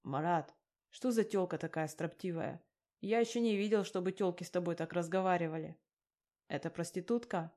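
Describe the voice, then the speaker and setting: A menacing gangster man from an audiobook, put on by a woman narrator. He talks down to everyone with a mocking, threatening edge. The voice sits slightly low. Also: moderate pace, mellow, lightly acted. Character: menacing male gangster lender, cold and crude. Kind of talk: audiobook character reading.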